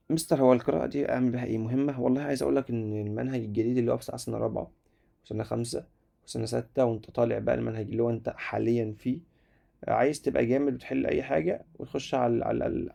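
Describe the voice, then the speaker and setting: A man with an Egyptian Arabic accent teaching an English vocabulary lesson, repeating each word slowly and answering his students' questions as if they had asked them. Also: medium pitch, creaky, mellow.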